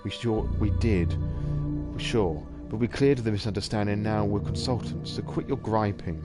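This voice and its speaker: A man's voice: on the low side, normal speed, natural voice. A man voicing an intense old man with traces of a Russian accent. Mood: defensive. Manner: intense, defensive. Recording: music playing behind.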